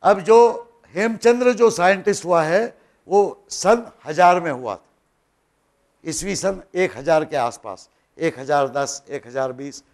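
High, gravelly-voiced male lecturer. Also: takes it slowly. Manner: patient, explaining step by step with rhetorical questions; mixes in English phrases and terms. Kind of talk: classroom lecture.

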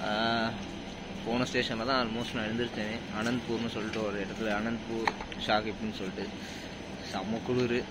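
A man's voice: fairly low pitch, flat delivery, normal speed. A man filming a casual travel vlog on a train and chatting as he goes, with many fillers as he thinks aloud. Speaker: travel vlogger. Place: on a moving train. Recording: loud train noise. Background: loud train and air-conditioning noise.

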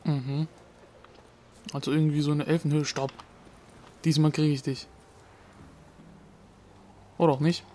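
A man's voice: a little high, little pitch movement, a little slow, pauses often, mellow, a little hiss or hum. Cursing young man commenting on gameplay. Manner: swearing, self-mocking, talks to the game. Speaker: let's play gamer. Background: game music.

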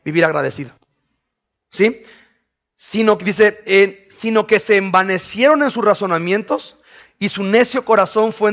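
High-voiced preacher quizzing listeners. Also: male voice, a bit bright, muffled recording. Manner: conversational, quizzes the audience with quick questions. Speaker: pastor. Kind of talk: sermon teaching.

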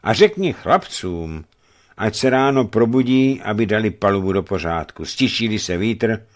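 A man's voice: on the low side, animated, close to an everyday voice. A man voicing a stern old ship captain who questions harshly in a raised voice, in a radio reading of a novel. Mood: commanding.

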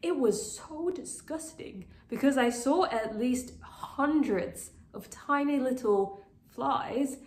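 Speaking slowly in a high, slightly mellow voice, a houseplant channel host gives a casual product review straight to camera. She's an earnest, chatty plant vlogger whose voice is still on the mend after illness, and she uses a lot of fillers. The bright, plant-packed living room gives an echoey, roomy sound.

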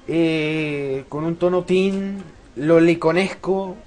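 A man's voice: a little high, takes it slowly, noisy background. Rambling, foul-mouthed Rioplatense teen boy. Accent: Rioplatense Spanish. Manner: rambling, swears a lot. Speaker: gameplay commentator. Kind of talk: rambling let's-play chat. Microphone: loose desk mic that keeps slipping.

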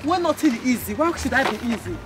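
A woman's voice: sits high, big pitch swings, heavy background noise. A middle-aged mother talking frantically and scolding her family in an outdoor car park, filmed on a handheld camera. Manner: frantic, scolding, rapid questions. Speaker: mother in a family prank vlog. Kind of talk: panicked real-life vlog talk.

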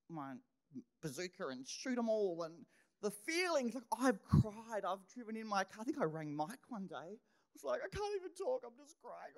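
A middle-aged woman preaching a sermon in an animated way, acting out her own thoughts and dropping into whispered asides. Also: on the low side. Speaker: pastor.

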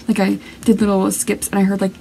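A young woman talks excitedly to her viewers in a music reaction vlog, her voice in a middle register. She gushes and rambles breathlessly and leans on fillers. A faint hum sits behind her. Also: mid-range voice, brisk, creaky, poor audio. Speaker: reaction video host.

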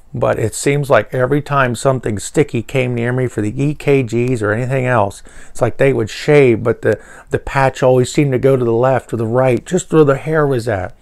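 A man's voice: medium pitch, gravelly. A man casually telling a personal story to camera, rambling with fillers and restarts. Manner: animated when quoting people. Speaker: vlogger.

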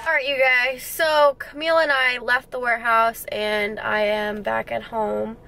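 A woman's voice: a little high, flat delivery, unhurried, vocal fry, pushed and bright. A young woman in her twenties chatting casually and playfully as a fitness vlogger, filming herself on a handheld phone as she moves from place to place. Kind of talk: casual vlog chat. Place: on the move: home, gym, restaurant, warehouse. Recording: noisy phone video recording.

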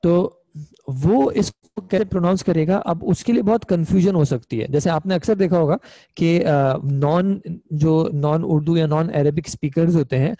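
A man's voice: a little high, moderate pace, warm tone, no room sound. A young man teaching an online Arabic grammar class, explaining patiently step by step and checking in with his students. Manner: patient, explains step by step, often asks "ठीक है?".

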